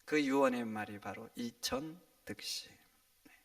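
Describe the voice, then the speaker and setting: Korean pastor swinging from whisper to shout. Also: male voice, medium pitch, wildly swooping pitch, measured pace, gravelly, recorded from a distance. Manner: swings from hushed whispers to loud emphatic cries. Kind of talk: sermon. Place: church sanctuary.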